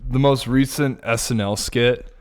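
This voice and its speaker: A man with a Californian accent talks through stories on a podcast, easygoing and drawling like a surfer. His voice sits at an ordinary middle pitch. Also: fairly even intonation, unhurried, clear, resonant tone. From Bay Area, California. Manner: laid-back, drawling surfer-like delivery. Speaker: guest. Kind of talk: casual podcast chat.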